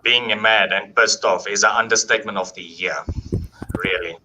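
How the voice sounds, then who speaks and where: A man telling a paranormal story in a casual, animated way, acting out quoted dialogue and swearing freely. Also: lowish voice, normal speed, noisy background.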